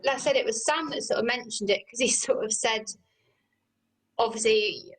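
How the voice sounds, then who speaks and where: A woman's voice: fairly high pitch, normal speed. A woman leading an online exercise class, speaking in an informal, encouraging way as the instructor. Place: indoor room, video call. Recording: roomy echo, far from the mic.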